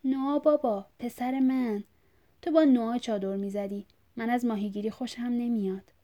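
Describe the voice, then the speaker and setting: A woman's voice: on the high side, steady tone, mellow, lightly acted. A woman reading a story aloud, voicing a grown son who pleads patiently with his father. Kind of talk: audiobook reading.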